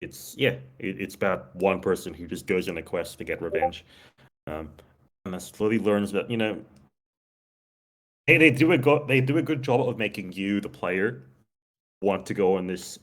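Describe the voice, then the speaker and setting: Speaking at normal speed in a low but fairly bright voice, a man hosts a casual podcast chat and pauses often. He's enthusiastic and eager, sprinkling his talk with plenty of fillers and laughs.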